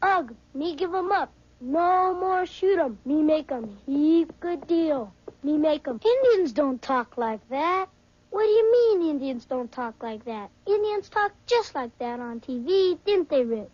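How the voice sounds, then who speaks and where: A woman performing a short comic dialogue with a slow, playful back-and-forth delivery. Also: sits high, expressive, a little mellow, dry recording. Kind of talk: comedy sketch dialogue. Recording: dull lo-fi dry sound.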